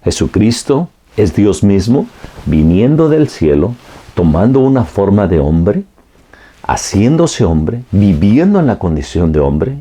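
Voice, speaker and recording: Low husky-voiced preacher man. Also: warm tone. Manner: earnest, addresses listener directly as friend; repetitive preaching cadence. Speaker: pastor. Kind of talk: sermon.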